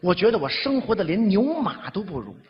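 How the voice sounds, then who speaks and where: A man performing Chinese crosstalk as the lead comic, telling a story and acting out every character. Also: high voice. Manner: lively, acts out every character in quick shifts. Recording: dull audio with long stage reverb.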